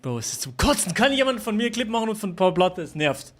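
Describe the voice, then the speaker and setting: A man's voice: high-pitched, very animated, fairly quick, fairly bright tone. A young man live-streaming a video game, swearing and venting his frustration to his chat. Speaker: gaming streamer.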